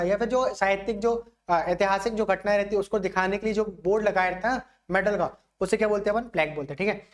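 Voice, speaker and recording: Young guy teacher doing a vocab lesson, casual, keeps asking the class if they got it, gives everyday examples. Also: high voice. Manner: explains each word with everyday examples, repeating a tag question often. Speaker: exam coaching teacher.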